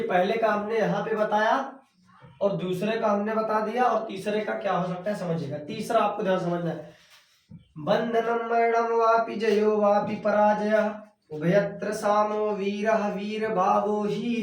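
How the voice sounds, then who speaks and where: A male teacher explaining Sanskrit verses at a board, slowly repeating words as he writes and chanting the verses. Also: high voice, distant mic. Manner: chants verses in a sung recitation. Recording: echoey room, voice off-mic.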